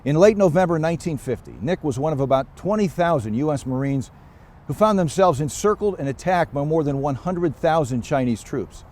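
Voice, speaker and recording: Higher-voiced American male presenter, scripted narration. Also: expressive, a little fast, darkish tone. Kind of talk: scripted narration for a public service story.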